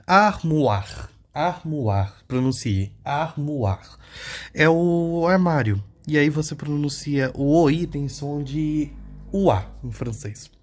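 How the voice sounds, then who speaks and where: A man's voice: on the high side, expressive, unhurried, darkish tone. Casual man explaining pronunciation. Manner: explanatory, checks in often with "né?" and "tá?". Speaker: language teacher.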